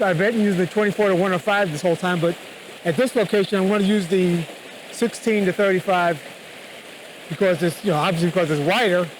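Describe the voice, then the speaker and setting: A man giving a casual photography tutorial outdoors, talking up to be heard beside a rushing river. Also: sits high, poor audio. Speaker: photography vlogger. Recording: loud rushing stream noise. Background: rushing water.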